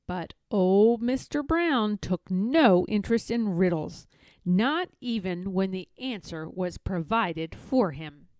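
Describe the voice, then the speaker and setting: A woman narrating a children's storybook aloud in an expressive, measured read-aloud manner. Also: medium pitch, no echo. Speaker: storybook reader.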